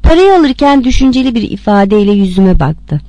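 A woman reading a story aloud with expressive narration. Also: medium pitch, fairly quick, no room sound. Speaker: reader.

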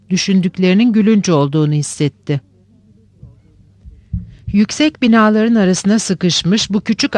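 A man reading literary fiction aloud as a narrator, measured and unhurried. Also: high-pitched, no room sound.

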